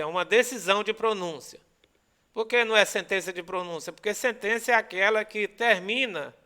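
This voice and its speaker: A Brazilian man lecturing on criminal law with a crisp, bright tone. His voice sits high for a man. He explains patiently and keeps asking his students if they follow. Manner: explanatory, frequent "né?" and "tá?" checks. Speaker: law teacher. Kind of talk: recorded lecture.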